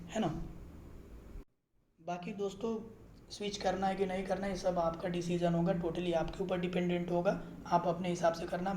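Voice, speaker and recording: A man's voice: high voice, dark tone, slight background noise. Chatty man explaining an app, roomy. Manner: chatty, keeps checking in with the viewer. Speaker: channel host explaining a trading app. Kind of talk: casual screen-recorded explainer.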